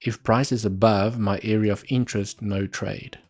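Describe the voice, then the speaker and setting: A man with a South African accent, whose first language is Afrikaans, hosts a live trading stream, thinking aloud over the charts with muttered asides as live market analysis commentary. His voice is lowish and a little mellow, with fairly even intonation and normal speed.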